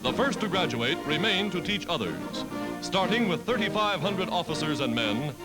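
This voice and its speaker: High-pitched old newsreel narrator over music. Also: male voice, sing-song, normal speed, low-quality recording. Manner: emphatic declaiming delivery. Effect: old newsreel narration over loud music. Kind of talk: 1940s wartime newsreel narration. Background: loud music.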